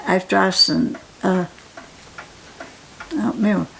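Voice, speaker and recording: A very old woman with a Southern Appalachian accent recalls the past in a casual interview. Her aged voice is full of gravel and creak, and she speaks plainly, haltingly, often repeating herself. There is some background noise. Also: mid-range voice, poor audio. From Appalachia, United States. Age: 90s. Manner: halting, repetitive, plain-spoken. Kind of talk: casual reminiscence.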